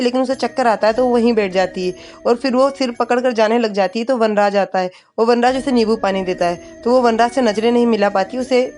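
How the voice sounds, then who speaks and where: A woman's voice: a little high, darkish tone. A woman narrating an episode recap of a TV serial, telling it plainly and quoting the dialogue.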